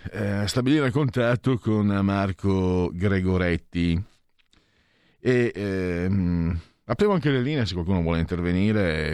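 A man's voice: low-pitched, darkish tone, no echo, clean studio sound. A man hosting a radio talk show, giving opinionated commentary in a hesitant, conversational way full of fillers.

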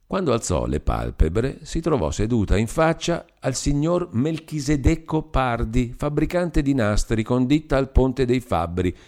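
A man narrating a classic novel in full, measured and expressive. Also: lowish voice. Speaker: audiobook reader. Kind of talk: literary audiobook narration.

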